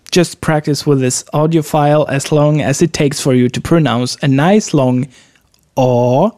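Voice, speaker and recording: A man teaching a pronunciation lesson, demonstrating vowel sounds slowly and carefully in a friendly way. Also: on the high side, darkish tone, no room sound, clean studio sound. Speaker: language teacher.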